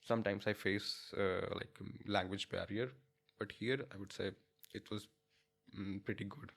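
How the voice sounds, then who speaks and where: A young man from India speaks English, his second language, with an Indian accent, chatting as a guest in a casual interview; he's an international student. His voice is fairly low and gravelly, his delivery flat and at a normal speed. He hesitates a lot, with many fillers and restarts, and laughs easily.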